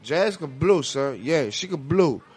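An American man in a casual, heated music debate, animated and argumentative, with slangy, profane talk. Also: fairly high pitch, a little slow, breathy edge.

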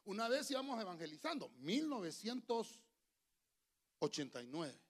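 A pastor preaching a sermon in a church, emphatic and animated, with humorous asides. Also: male voice, fairly high pitch.

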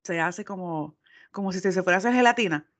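A woman's voice: lowish voice, fast. A woman, co-hosting a casual podcast chat, laughing often and mixing in English phrases. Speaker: podcast co-host.

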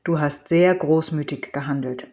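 A woman voicing Kia, a gentle old man. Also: low-pitched, normal speed, natural voice. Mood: calm. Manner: soft-spoken, hesitant. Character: gentle old male village elder. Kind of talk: audiobook reading.

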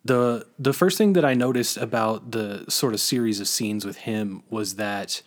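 A man's voice: on the low side, normal speed. A man co-hosting a podcast, chatting casually about a film, rambling with many fillers and restarts. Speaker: podcast co-host.

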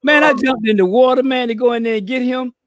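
High male voice, animated storyteller, dry recording. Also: fast talker, no echo. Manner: animated storyteller, repeats words, calls people man. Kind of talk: casual chat.

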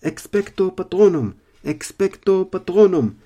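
Man reading earnest teenage boy wizard, stubborn, gravelly, mellow. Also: a little high, animated, pitched above the performer's own voice. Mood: shouting spell. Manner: earnest, eager pleading.

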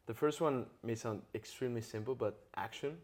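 A man's voice: medium pitch, fairly quick, a little mellow. A man hosting a podcast interview, explaining ideas earnestly and checking in with frequent tag questions. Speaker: podcast host. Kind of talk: interview conversation.

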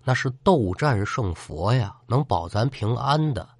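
A man's voice: mid-range voice, lively intonation, unhurried, slightly rough, no echo. A man voicing a pious older brother who earnestly scolds his younger sibling in a storytelling. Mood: reproving.

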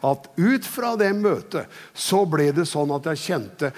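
A man's voice: fairly high pitch, big pitch swings. An older man, a pastor, preaching a sermon in a chatty, joking storytelling way. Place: church hall. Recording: long church hall reverb.

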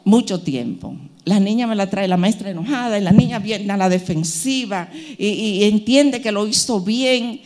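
A woman's voice: medium pitch, expressive, moderate pace, few pauses, darkish tone. A woman preacher, delivering a sermon with emphatic repetition and acted-out quotes. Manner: emphatic, repeats phrases, acts out quoted voices.

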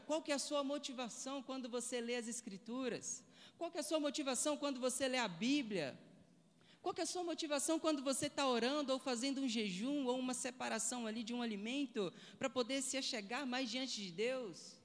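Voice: high-pitched, brisk, big-room sound. A preacher giving a sermon, asking the listeners one rhetorical question after another.

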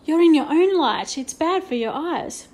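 A fussy art teacher with a mildly scolding manner, as a storybook narrator puts her on. Her voice is high and carries. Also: lively intonation, unhurried, darkish tone.

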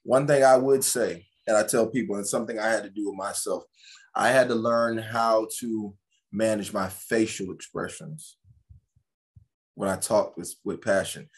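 A man's voice: lowish voice, fairly even intonation, moderate pace. A man in a casual podcast conversation, speaking animatedly, often restarting and repeating phrases as he gives advice.

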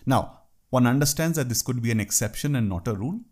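This Indian English speaker from India talks quickly about workplace etiquette, his mid-range, darkish voice full of lively intonation. The workplace culture talk stays conversational, with wry asides along the way.

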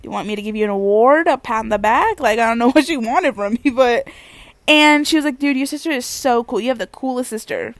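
A young woman hosts a casual solo podcast, talking fast in a high-ish voice with no echo. Her nose is a little stuffy, and she's chatty and giggly, drifting through rambling stories.

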